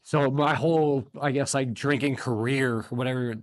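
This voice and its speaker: A man's voice: medium pitch, fairly even intonation, normal speed, no echo. Rambling man in his forties, dry sound. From United States. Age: 40s. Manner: loose and rambling, full of fillers, choked up at times. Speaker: guest. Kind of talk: casual interview talk.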